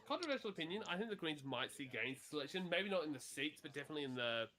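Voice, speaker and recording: A man with a lively, swinging pitch and a bright, forceful tone. He chats casually on a stream, animated and ready with opinions. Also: racing. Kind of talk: casual livestream chat.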